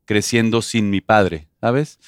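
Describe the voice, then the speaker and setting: A man's voice: on the low side, slow, clean tone, no echo, studio quality. A man with a Mexican accent, a guest telling an earnest story about being a stepfather in a casual chat.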